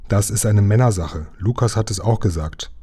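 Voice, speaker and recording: A man's voice: lowish voice, normal speed, mellow, slightly rough. A man reading a storybook aloud, voicing a brave, slightly boastful young boy who talks firmly.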